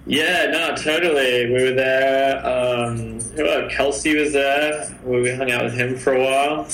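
A young Australian man being interviewed, easygoing and hesitant, filling pauses with lots of ums. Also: mid-range voice, fairly even intonation, fairly bright tone, faint music behind. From Sydney, Australia. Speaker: guest artist. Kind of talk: casual interview chat. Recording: echoey room.

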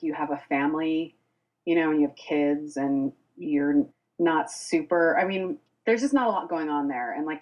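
A young Boston woman, a music blogger, chats casually as a podcast guest in an interview, full of fillers and restarts. Her voice is low and a little mellow. The sound is lo-fi.

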